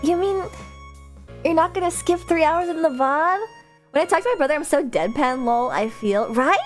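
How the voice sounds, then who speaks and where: A young woman VTuber chatting casually with her livestream viewers in a cute, playful, animated anime-streamer manner, talking nonstop. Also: high voice, normal speed. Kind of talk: casual livestream chat, reading and answering viewers' messages. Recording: music playing behind the voice. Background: music.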